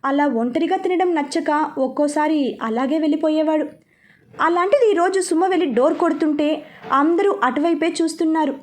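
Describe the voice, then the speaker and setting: A woman reading aloud a serialized novel as storyteller, steady and expressive. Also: high voice, normal speed. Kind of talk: scripted narration of a serialized novel.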